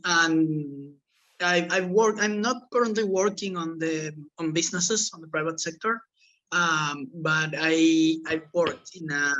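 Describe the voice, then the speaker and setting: A man from Argentina, introducing himself on a video call in a halting way, repeating words. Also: on the high side, bright, forceful tone, rough recording. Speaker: co-director of the organisation. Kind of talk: casual self-introduction.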